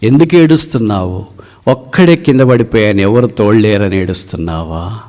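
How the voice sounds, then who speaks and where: A man voicing a puzzled hunter who keeps gently asking a wounded bird why it weeps, in a sermon story. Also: lowish voice, moderate pace, lightly acted. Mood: puzzled questioning. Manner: repeating questions, gently probing.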